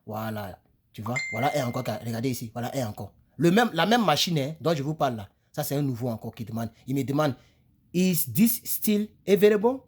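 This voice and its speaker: A French-speaking man giving a casual English lesson on a phone camera. He rambles and repeats himself, leans on "voilà" and "ok", and slows right down to spell out English phrases. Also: mid-range voice, animated, husky. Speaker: English teacher. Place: home, filming on a phone in front of him. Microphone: phone camera close in front.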